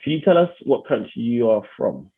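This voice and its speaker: Brisk male interviewer on a tinny line. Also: medium pitch, sing-song, slightly rough. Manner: brisk, questioning. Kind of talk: scripted interview questions. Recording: tinny phone-like line with crowd noise.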